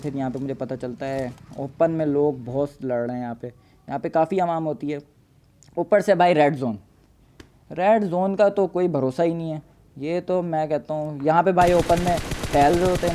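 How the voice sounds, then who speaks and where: Joking gamer, mellow voice. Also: male voice, on the high side, a little hiss or hum. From Pakistan. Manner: casual, joking, playful storytelling. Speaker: gaming YouTuber. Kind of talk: gameplay voice-over commentary.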